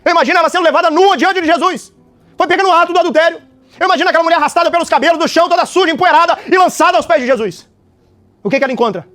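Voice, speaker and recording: A man, preaching an animated, dramatic sermon and often tossing out little tag questions. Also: very high voice, rapid-fire.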